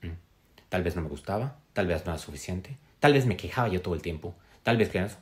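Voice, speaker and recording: A middle-aged man earnestly telling a personal story on a live stream, with pauses and "mm?" tags. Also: low voice, lively intonation.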